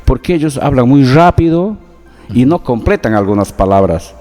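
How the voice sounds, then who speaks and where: A man's voice: mid-range voice, animated, moderate pace, dark tone. A man with a Peruvian Amazonian Spanish accent, patiently explaining things to an interviewer and backing his points with examples. His voice carries a long, reverberant echo, with faint music playing underneath. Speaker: guest, researcher.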